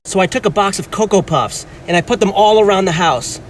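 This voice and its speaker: Man, dad, comic anecdote, deadpan, high-pitched, faint background noise. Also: brisk. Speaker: father.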